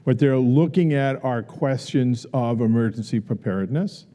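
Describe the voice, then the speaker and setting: Male professor, earnest lecture, deep mellow tone, big reverberant hall. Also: moderate pace. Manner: earnest, repeats questions for the audience. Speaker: professor giving a symposium talk. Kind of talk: lecture and audience Q&A. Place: university auditorium. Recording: long auditorium reverb.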